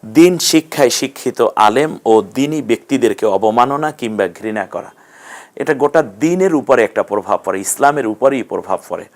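A man with an animated mid-range voice, speaking at a normal speed, teaches a recorded Quran reading lesson. He patiently explains letters and vowel marks step by step and puts questions to his students.

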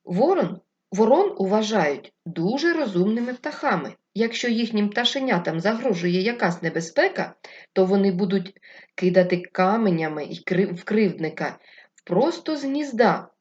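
A Ukrainian woman teaching first graders, slowly dictating words and repeating them syllable by syllable. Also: medium pitch, animated, a little mellow, muffled recording. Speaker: primary school teacher.

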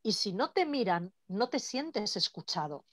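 A woman leading an online workshop in a lively, conversational way. She acts out quoted dialogue as she talks. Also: medium pitch, measured pace, dry recording, clean studio sound. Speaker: workshop trainer. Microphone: video call.

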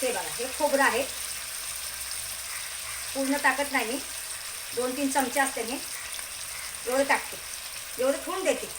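A woman's voice: high voice, measured pace, long pauses. A woman with a Marathi accent hosting a home cooking video, chatting casually and checking in with viewers as she cooks. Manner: chatty, keeps asking "okay?" and telling viewers to look. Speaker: home cooking channel host. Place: home kitchen. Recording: echoey kitchen with cooking noise. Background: sizzling pan and clattering pots.

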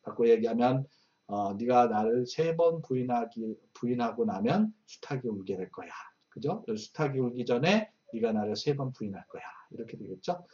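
A man's voice: mid-range voice, expressive, moderate pace, mellow. A man teaching an English Bible lesson, patiently explaining and translating phrase by phrase. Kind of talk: verse-by-verse language lesson. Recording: distant, dull lo-fi mic.

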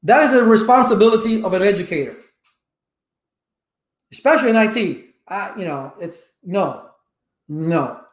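Speaking at a normal speed with frequent pauses, this high-pitched man sounds roomy through his desk webcam. He's a Spanish-first-language network engineering educator from Cuba, in his fifties, giving casual livestream talk from home with animated gestures and rhetorical questions.

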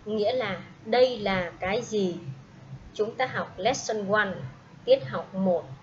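A woman teaching a primary school English class, speaking slowly and patiently and having pupils repeat each word after her. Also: mid-range voice. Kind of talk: slow classroom instruction with repeat-after-me drills. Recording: dull lo-fi audio with faint noise.

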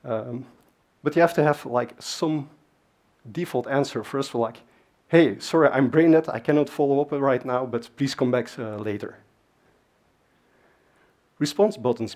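A man with a mid-range, slightly mellow voice speaks at a moderate pace during an informal technical conference talk. He's a native Dutch speaker on a large dark stage, chatting with plenty of fillers and asides.

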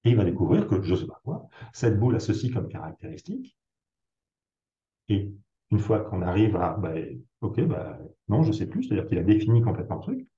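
Man, psychiatrist guest, deep dark timbre, lively pitch swings, hesitant conversational explaining, roomy echo. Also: brisk. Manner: explains with worked examples, frequent hesitations. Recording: roomy, dull lo-fi sound.

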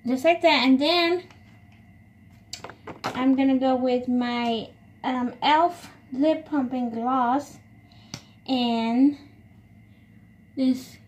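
Her voice is high and her words are drawn out, with long pauses, as this young beauty vlogger talks her way hesitantly through a casual makeup tutorial, narrating and repeating what she's doing. It's a home phone recording, the phone propped at arm's length indoors in a small room, with faint noise behind her.

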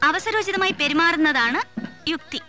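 A cheeky young guest. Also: female voice, very high voice, animated, moderate pace, pushed and bright, soft background music, heavily acted. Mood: teasing. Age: young adult. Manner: playful, mock-formal teasing. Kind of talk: 1980s film acting.

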